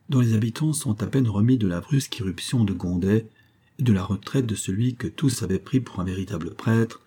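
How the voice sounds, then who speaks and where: A man narrating a classic adventure novel in a measured, steady storytelling manner. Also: sits low, breathy edge. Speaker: audiobook narrator.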